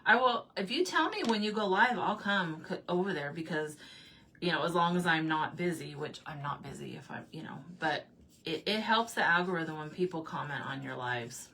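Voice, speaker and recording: A woman hosts a craft livestream, chatting casually while she paints. Her voice is bright and forceful and sits a little low. She rambles in run-on asides, laughs often and answers viewer comments one after another. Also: expressive, normal speed, a little hiss or hum.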